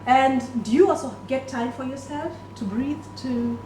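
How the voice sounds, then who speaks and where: A woman hosting a cooking show, chatting in an animated, effusive way as she interviews her guests. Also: sits high, normal speed, over a noisy crowd. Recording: echoey, distant mic with background noise.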